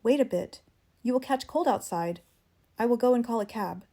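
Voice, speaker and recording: A woman's voice: a little high, expressive, normal speed, warm tone. A woman with a standard American accent voicing a worried, practical husband in an audiobook, urgent and insistent. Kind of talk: audiobook character dialogue.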